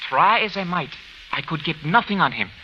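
In old radio drama from the 1940s-50s, a man with a fairly high, sing-song voice at a moderate pace portrays an earnest, anxious wronged man, pleading in formal, careful phrasing. The recording is muffled and faintly noisy.

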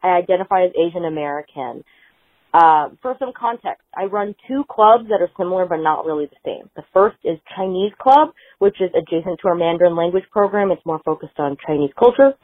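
A woman, a high school teacher, leaving a casual, slightly rambling voicemail for a show over the phone. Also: animated, brisk, no echo. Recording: tinny phone line voicemail.

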